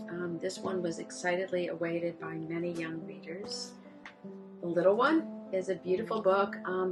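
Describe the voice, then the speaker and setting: Low gravelly woman presenting. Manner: measured, with pauses and fillers. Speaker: publisher presenting her list. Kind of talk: prepared presentation.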